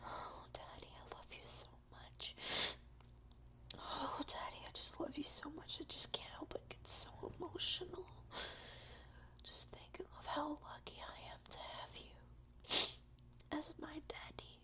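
In this poorly recorded intimate audio roleplay, a woman plays a clingy, submissive, tearful lover, using a high, exaggerated voice. Her breathy, creaky whisper comes out in halting, repeated phrases, and she sounds grateful and emotional.

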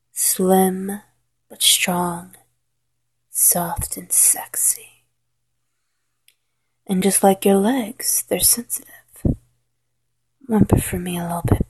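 A woman whispering a slow, coaxing guided hypnosis roleplay in a soft, intimate voice. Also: fairly low pitch, husky. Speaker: hypnosis narrator.

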